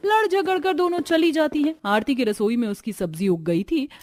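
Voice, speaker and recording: A woman's voice: high-pitched, normal speed, darkish tone. Woman narrating a cartoon story.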